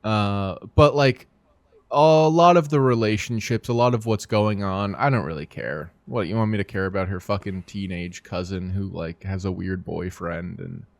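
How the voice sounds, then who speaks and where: A man's voice: fairly low pitch, moderate pace, vocal fry, dry recording. A man co-hosting a casual movie podcast, rambling and hesitant with lots of fillers. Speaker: podcast co-host.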